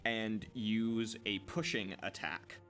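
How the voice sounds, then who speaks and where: A man's voice: lowish voice, fairly even intonation, slow, fairly bright tone, faint music behind. A man playing a character in a tabletop game, talking casually and hesitantly with fillers and restarts. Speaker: player.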